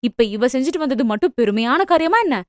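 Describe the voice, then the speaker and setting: A woman voicing a spiteful young woman who mocks her younger sister in fast, scornful speech. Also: high-pitched, animated, dry recording, clean studio sound. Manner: mocking, quick, scornful.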